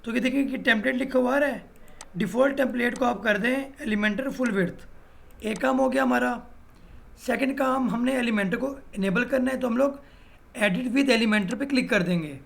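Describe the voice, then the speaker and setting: This web design instructor has a fairly high, gravelly voice and takes viewers through a screen-recorded software tutorial one click at a time. Speaking at a normal speed, he explains each step plainly and like a teacher, dropping in "भाई" along the way.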